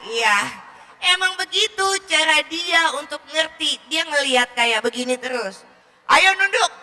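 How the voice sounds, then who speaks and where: Bright-voiced woman teaching parents. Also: high-pitched. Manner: chatty, jokey, asks the audience questions. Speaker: early-childhood education speaker. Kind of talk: lively seminar talk to parents and teachers. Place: seminar hall with an audience.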